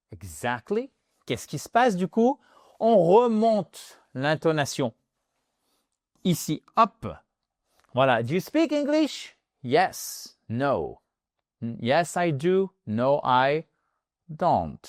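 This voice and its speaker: Lively French-speaking man teaching English. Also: a little high, no echo, clean studio sound. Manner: lively explaining, switches into English examples. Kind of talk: video lesson.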